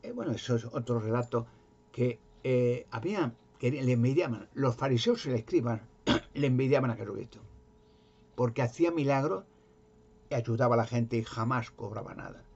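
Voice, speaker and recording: Husky man retelling Bible stories. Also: medium pitch, normal speed, muffled recording. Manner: rambling, animated storytelling with repetitions. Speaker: religious speaker.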